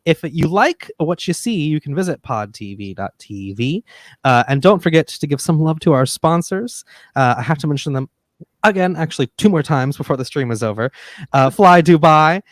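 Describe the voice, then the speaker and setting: Animated male host with a lively pitch. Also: normal speed, dry recording, studio quality. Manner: animated storyteller, reads sponsor ads playfully. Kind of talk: live stream party chat.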